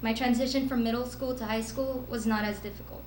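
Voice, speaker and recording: Speaking a little fast in a slightly high, mellow voice, this Filipino teen keeps her tone steady through a sincere, rehearsed school-event speech, breaking into nervous laughs. There's a little hiss or hum, and the room echoes with faint ambience.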